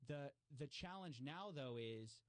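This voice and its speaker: Animated man in a dry studio. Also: unhurried, no room sound. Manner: animated, acts out quoted remarks with raised pitch; many fillers and restarts. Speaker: guest commentator on fraud stories. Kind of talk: casual interview talk.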